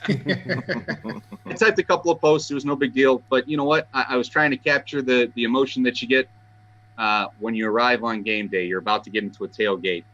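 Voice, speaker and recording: A man, talking eagerly and a bit haltingly as an interview guest, often repeating words as he starts a sentence. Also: medium pitch, steady tone, bright, forceful tone, dull audio. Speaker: guest, fan site writer. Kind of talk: casual interview talk.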